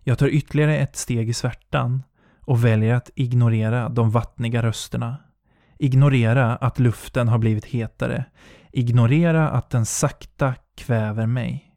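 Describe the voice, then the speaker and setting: A man narrates a first-person horror story in a medium-pitched voice. He speaks in short, breathless, tense fragments. The recording is dry and close, with no room echo. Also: fairly even intonation, gravelly, dark tone.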